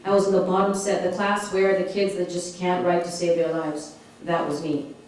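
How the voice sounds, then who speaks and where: A woman's voice: fairly low pitch, level tone, moderate pace, darkish tone, far from the mic, slight background noise. A woman from Malawi giving an author talk to an audience, engaging them with questions and laughing often. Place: community hall. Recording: echoey hall recorded from afar.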